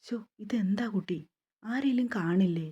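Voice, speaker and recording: A woman reading the lines of a gentle middle-aged mother who soothes her daughter. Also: mid-range voice, lively intonation, moderate pace, dull audio, lightly acted. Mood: hushed. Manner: soothing, hushed at times.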